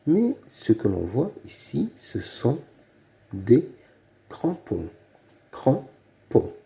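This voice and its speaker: A man slowly reading out words and syllables for children learning to read, repeating each word and asking the listener questions. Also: mid-range voice, huge pitch swings, mellow. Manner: asks the listener questions, patient and clear. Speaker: reading teacher. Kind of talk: slow read-aloud phonics lesson for children.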